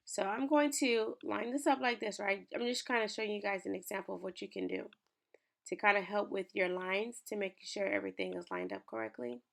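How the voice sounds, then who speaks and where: Brisk and very animated, a young small business owner and lifestyle creator talks viewers through a design tutorial she's screen-sharing. Her mid-range voice is raspy because it's early morning, but she stays upbeat.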